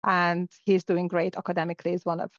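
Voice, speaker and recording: Here a middle-aged woman from Hungary, Hungarian by birth and language, answers casual interview questions reflectively, full of fillers and restarts. Her fairly low voice stays monotone while she talks quickly. No echo is present, though the sound is dull and lo-fi.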